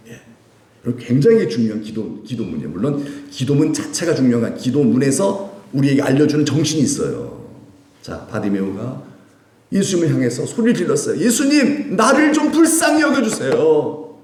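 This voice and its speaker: A man's voice: mid-range voice, very animated, brisk, dark tone. A male pastor preaching a sermon, asking the congregation questions and acting out the people he quotes. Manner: call-and-response preaching, acting out quoted voices. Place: church sanctuary. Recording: echoey church room.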